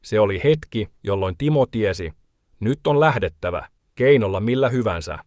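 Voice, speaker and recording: A man with a fairly low voice reads scripted documentary narration in a calm, measured way. The sound is close and dry, with no room around it. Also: dry recording. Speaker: reporter narrating a feature.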